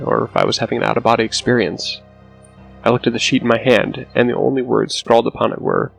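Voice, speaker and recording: A man reading a scripted scary story as narrator, with a low, hushed, haunting delivery and a gravelly creak in his voice. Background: music under the voice.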